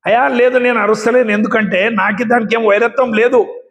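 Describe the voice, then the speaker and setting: A man's voice: extremely high pitch, steady tone, brisk, a bit bright, big-room sound. A man voicing a jealous dog who complains that he barks because the honored elephant makes his stomach churn. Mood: resentful. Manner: resentful, complaining.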